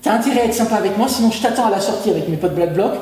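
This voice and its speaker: A man's voice: high-pitched, very fast, a little mellow, far from the mic, lightly acted. An actor playing a crude, combative male union representative in a parody interview, recorded in an echoey room away from the mic. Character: aggressive male union rep, crude and threatening. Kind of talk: parody web-series interview acting.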